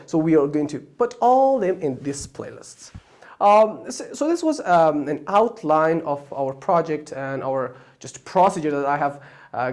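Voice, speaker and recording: Here a Persian- and Pashto-speaking host from Afghanistan, who runs an online Chinese course, lays out the course plan without a script. The tone is darkish and mid-pitched, the speech riddled with ums, uhs and false starts, and key words spring up in pitch.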